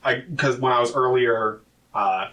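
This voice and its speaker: A man's voice: medium pitch, fairly even intonation, a little slow, pushed and bright, recorded from a distance, low-quality recording. A man chatting casually as a player in a tabletop game.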